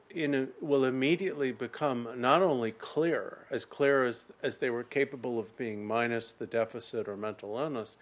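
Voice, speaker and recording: Man calmly interpreting a dharma teaching. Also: mid-range voice. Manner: measured, explanatory, with occasional pauses.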